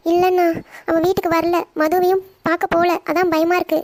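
Woman doing a worried weepy mom, really high voice, talks quick. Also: level tone, no echo. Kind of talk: animated story voice acting.

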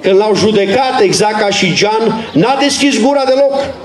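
A man's voice: sits high, lively intonation, echoey room. A man preaching an open-air street sermon in an earnest, urgent, exhorting way.

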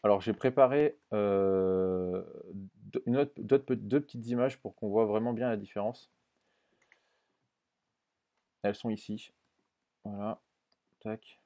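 With the highs cut off, a man's voice on the low side guides viewers through a screen-recorded software tutorial at a measured pace. He's casual and thinks aloud, often restarting, using lots of fillers, and checking in with the viewer.

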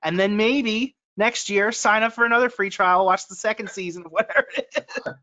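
A man's voice: high voice, a little fast, pushed and bright. A man co-hosting a podcast in casual chat, talking with a headset over a video call, laughing often and acting out quoted lines. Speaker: podcast co-host. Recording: dull lo-fi video call audio.

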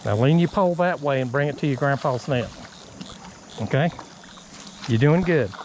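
A fishing bait company host coaches viewers in an outdoor vlog by a creek, encouraging them with short, repeated instructions. His male voice is on the high side, a little mellow, and moderately paced. The poor audio, from a body-worn action camera, carries some hiss or hum along with the sound of the running stream.

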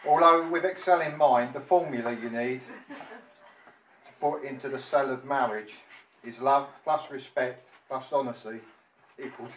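A middle-aged man gives a prepared wedding speech as father of the bride, halting and self-deprecating. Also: mid-range voice. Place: large function room at a wedding reception. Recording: echoey room, distant mic, muffled, loud noise.

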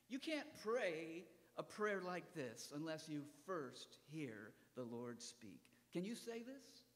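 A man preaching a sermon as pastor, swinging from loud cries to hushed whispers and asking the congregation direct questions. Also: fairly high pitch, in a large hall. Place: church sanctuary.

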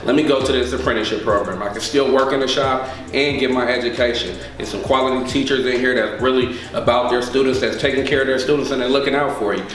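Earnest barber student from across a room. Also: male voice, medium pitch, fairly even intonation, quick pace, hardly any pauses, fairly bright tone. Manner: earnest, says "man" a lot. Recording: echoey room from a distance.

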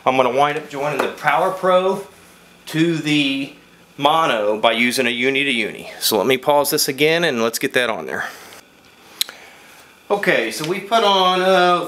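A man, a fishing captain, giving a casual how-to demonstration alone at a table, talking in a relaxed, rambling way full of fillers and restarts. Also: medium pitch, normal speed. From east central Florida. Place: indoor room at a table, filming alone. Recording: echoey room, faint background hum.

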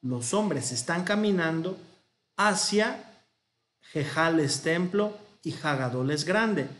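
A man's voice: on the high side, animated, slow, a bit bright, reverberant. A man with a Mexican Spanish accent teaching a Hebrew grammar class, explaining patiently and correcting himself as he goes. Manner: patient, thinks aloud, corrects himself mid-sentence.

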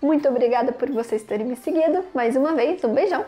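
A woman's voice: high voice, fast. A young Brazilian woman with a Brazilian Portuguese accent, chatting casually as she teaches French pronunciation. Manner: chatty, explains with lively examples. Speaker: French teacher, channel host. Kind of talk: casual video lesson.

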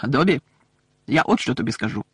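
A man's voice: medium pitch, lively intonation, fairly quick, a bit bright, husky, no room sound, clean studio sound. A man voicing a friendly, generous teenage schoolboy in an audiobook.

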